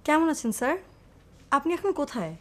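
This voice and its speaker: An actress playing a polite younger colleague who reacts with concern. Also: female voice, high-pitched, big pitch swings, a little fast, noisy background. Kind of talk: TV drama acting.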